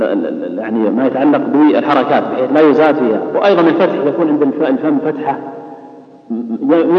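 A man teaching a Quran recitation lesson, explaining rules patiently and drawing out words slowly to demonstrate them. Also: fairly high pitch. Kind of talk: classroom lesson with recited examples. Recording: dull, echoey recording in a large hall.

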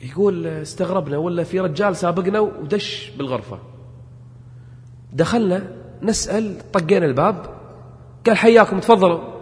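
High-voiced impassioned preacher. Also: male voice, fairly quick. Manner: impassioned, repeats phrases and builds to forceful exhortation. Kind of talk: sermon with retold stories. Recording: long reverb of a large hall.

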